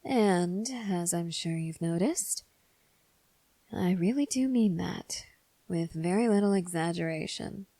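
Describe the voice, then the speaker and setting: A woman playing a cynical, taunting gang member in an ASMR role-play, speaking in a sardonic, teasing, unhurried way. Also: medium pitch, dark tone, no room sound. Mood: sardonic, ominous.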